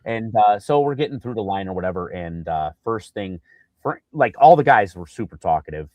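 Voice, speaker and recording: A man co-hosting a casual sports podcast, telling an animated story with lots of fillers and acted-out quotes. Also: on the low side, brisk, no room sound. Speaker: podcast co-host.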